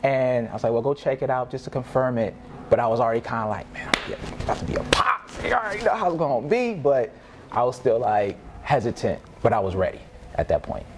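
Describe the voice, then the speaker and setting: A man in his thirties, a father on a discussion panel, telling a story in a lively way with laughing asides. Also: mid-range voice, quick pace. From Arizona. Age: 30s. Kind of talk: casual group discussion. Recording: noisy room ambience.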